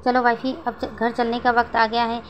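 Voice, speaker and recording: A woman's voice: on the high side, completely flat delivery, moderate pace, highs cut off, slight background noise, natural voice. A woman voicing a doting, teasing young husband. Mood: fond, teasing.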